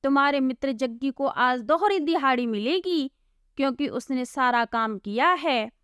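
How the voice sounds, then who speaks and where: A woman's voice: sits high, moderate pace, fairly bright tone, clean tone, no room sound, studio quality. A woman voicing a stern, bossy male landlord in a storybook tale, scolding his lazy workers. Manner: scolding, threatening.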